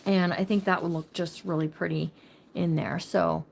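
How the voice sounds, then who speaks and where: A woman's voice: fairly low pitch, fairly even intonation, moderate pace, vocal fry, slight background noise. Chatty woman hosting a craft livestream. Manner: chatty, talks to viewers by name, thinks aloud; says she talks loud. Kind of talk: casual craft livestream chat.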